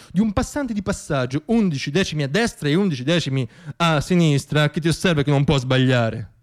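With a mid-range voice, a man delivers a theatrical radio monologue. His storytelling is wry and dramatic, marked by deliberate pauses.

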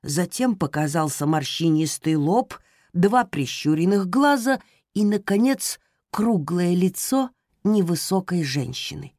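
A woman reading a children's storybook aloud in a calm, even manner. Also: on the low side, measured pace, no room sound, studio quality. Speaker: narrator. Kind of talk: audiobook narration.

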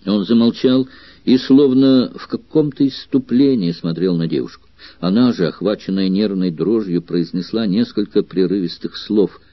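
A man giving measured, expressive literary audiobook narration. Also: on the low side, no echo, highs cut off.

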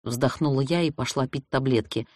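An audiobook narrator telling a detective story in the first person, with a wry, lively delivery. The voice sits at a middling pitch and the recording is dry and close, with no room at all. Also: normal speed, no room sound.

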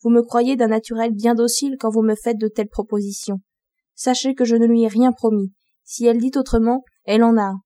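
A woman's voice: a little high, fairly even intonation, brisk, warm tone, no room sound, studio quality, natural voice. A woman reading the lines of a proud, stubborn young king in a storybook, indignant and defiant.

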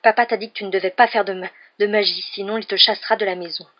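A woman's voice: medium pitch, fairly even intonation, fast talker, natural voice. A woman reading a storybook aloud, voicing a plump, cowardly, taunting boy with a whiny, mocking voice. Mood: scared. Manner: whiny and mocking, turning to panicked shrieks. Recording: dull lo-fi recording.

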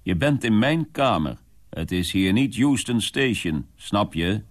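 A man's voice: fairly low pitch, expressive, unhurried. A man voicing an eccentric older man in a radio drama, barking erratic commands at a youth. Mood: ranting. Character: eccentric, ranting older man, lord of his room.

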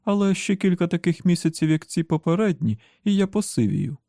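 A man voicing a lively, teasing young woman in an audiobook, with a playful, chatty manner. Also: sits high, fairly quick, dry recording, clean studio sound, voice pushed up. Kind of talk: audiobook character voice.

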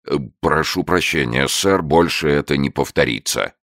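A man's voice: a bass voice, normal speed, fairly bright tone, dry recording, clean studio sound. A man voicing an anxious, apologetic male zookeeper who pleads and fusses. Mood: scolding.

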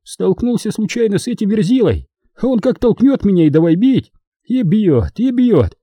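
A shifty street robber pleads his innocence in a high, whining voice, swinging up and down in pitch, as a man reading a storybook puts him on. The tone stays dark and a little husky. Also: sing-song, moderate pace, no room sound, clean studio sound, full character voice. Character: shifty sly male street robber, whiny.

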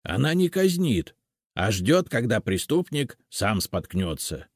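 A man's voice: fairly low pitch, husky, dry recording, clean studio sound, pitched above the performer's own voice, exaggerated voice. A man doing a stern old house spirit. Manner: calm, confident, slow and firm.

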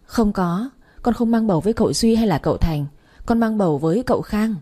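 A woman voicing a brazen young maid who answers in an unhurried, cheeky way, with a husky tone. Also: medium pitch, expressive, mellow, lightly acted. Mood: smug. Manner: leisurely and cheeky.

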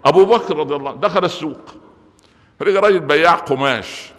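A man with a fairly high voice and a quick pace preaches a Friday sermon, his Egyptian Arabic accent clear. He jokes and fires rhetorical questions at listeners, all echoing in the long reverb of a large hall.

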